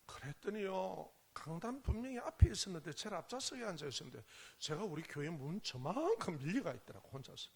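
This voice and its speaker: Gravelly, dramatic preacher man. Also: high-pitched, sing-song, a little fast, few pauses. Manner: dramatic storytelling, swinging from hushed whispers to loud bursts. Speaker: pastor. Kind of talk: sermon with personal testimony.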